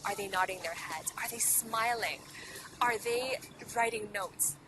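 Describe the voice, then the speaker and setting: Unhurried and mid-range, this woman's voice comes through a noisy background accompanied by music. She is from Hong Kong, a native Cantonese speaker, leading an earnest motivational video lesson on public speaking. She keeps addressing the viewer with rhetorical questions.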